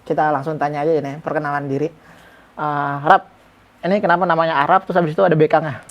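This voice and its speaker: A man's voice: a little high, fairly even intonation, quick pace, dull audio. A man hosting a casual interview, firing off short, prodding questions. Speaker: interviewer host.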